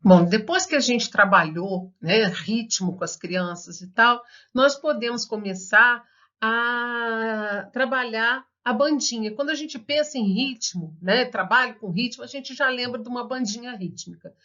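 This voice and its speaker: A woman's voice: a little high, bright, forceful tone. A woman with a Brazilian Portuguese accent, giving an online music lesson for teachers, explaining step by step and singing children's songs as she claps. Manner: explains slowly, sings children's songs while clapping. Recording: dull lo-fi recording.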